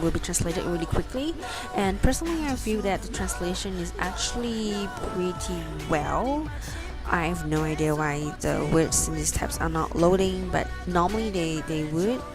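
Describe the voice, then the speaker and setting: A woman giving a casual, rambling screen tutorial with hesitant delivery, her pronunciation slightly off from wearing braces. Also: on the low side. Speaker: online shopping tutorial presenter. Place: voice-over for a screen recording. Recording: music behind the voice.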